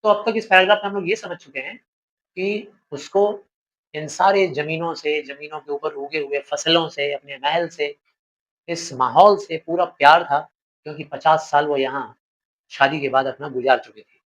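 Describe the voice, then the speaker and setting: A man's voice: fairly high pitch, fairly even intonation, normal speed, fairly bright tone. A male teacher explaining a literature lesson, paraphrasing the text and asking rhetorical questions.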